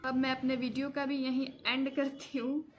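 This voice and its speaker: A woman's voice: high-pitched, flat delivery, normal speed, faint music behind. Hesitant chatty woman vlogging at home. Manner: simple, hesitant chatting with a few restarts. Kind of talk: casual vlog talk to camera.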